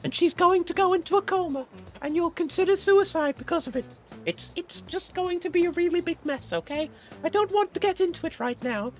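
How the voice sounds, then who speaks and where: A woman voicing a teasing, cryptic old fortune teller lady in a mocking granny voice for a game. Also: fairly quick. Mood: knowing, evasive. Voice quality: high-pitched old lady voice. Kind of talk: playful improvised game voice-over in character. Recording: music behind the voice.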